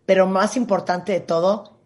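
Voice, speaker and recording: Husky woman interviewer. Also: mid-range voice, steady tone, moderate pace, darkish tone. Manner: conversational, poses questions to the guest. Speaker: interviewer host. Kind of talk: conversational interview.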